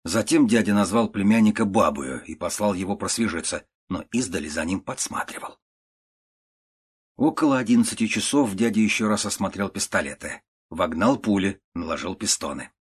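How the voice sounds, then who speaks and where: A man narrates a storybook with a low, husky voice. His reading is slow, measured and steady.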